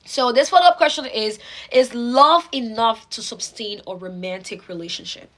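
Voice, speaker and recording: A woman's voice: on the high side, normal speed, poor audio. A young woman hosting a casual livestream, reading out viewer comments in a bubbly way, laughing often and repeating words for emphasis. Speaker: livestream host.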